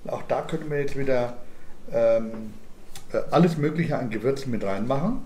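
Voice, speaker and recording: A man's voice: medium pitch, moderate pace, darkish tone, slight background noise. Man, home-kitchen cooking demo, chatty instructive delivery, echoey room with clattering pans. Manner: chatty, instructive, addresses viewers directly. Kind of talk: casual cooking demonstration. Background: clattering dishes, pans and cutlery.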